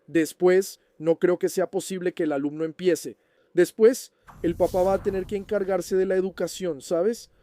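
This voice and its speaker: A man's voice: sits high, fairly even intonation, moderate pace, hardly any pauses, dark tone, no room sound. A man hosting a fan channel, casually answering viewer questions and checking in with the listener as he explains. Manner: chatty, keeps checking in with the listener.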